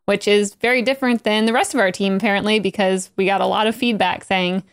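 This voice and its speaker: A woman's voice: mid-range voice, steady tone, fast talker, clean tone. A woman co-hosting a casual podcast recorded in a garage, with playful, informal banter. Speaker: podcast co-host. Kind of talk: casual chat.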